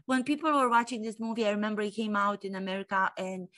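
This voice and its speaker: Speaking quickly to the camera, a woman in her forties with a Romanian accent, an acting coach, delivers a fervent monologue packed with rhetorical questions and repetition. Her medium-pitched voice is bright and forceful, with fairly even intonation.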